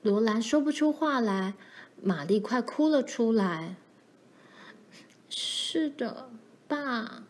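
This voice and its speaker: A woman reading a children's story aloud in a gentle, measured way. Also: on the high side, animated. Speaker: storybook reader.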